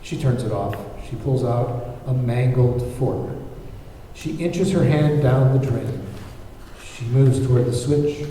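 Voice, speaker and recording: Slow and dark-toned, a mid-range male voice reads the stage directions and scene descriptions as narrator at a screenplay table read. Faint noise and heavy echo fill the hall, captured by a distant mic.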